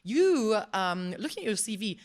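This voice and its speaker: A woman hosting a casual interview, excitable and quick to laugh. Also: medium pitch. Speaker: host.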